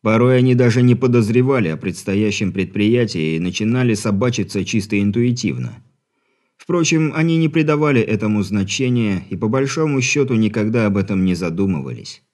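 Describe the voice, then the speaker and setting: A man narrating an audiobook with an even, wry storytelling manner. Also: on the low side, fairly quick. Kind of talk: scripted narration.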